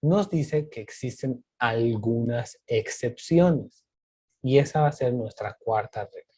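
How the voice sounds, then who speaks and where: A man teaching at an unhurried pace, walking through each rule one step at a time. His voice is husky and mellow. He asks questions and then answers them himself, like a patient tutor. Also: medium pitch. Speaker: English teacher. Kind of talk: explaining grammar rules step by step.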